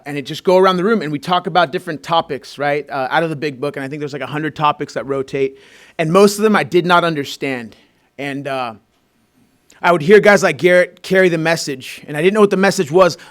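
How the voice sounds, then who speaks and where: A man from Peru, raised in Southern California, giving a heartfelt personal recovery share as the main speaker at a meeting in a school room, talking loosely with fillers and restarts. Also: fairly high pitch.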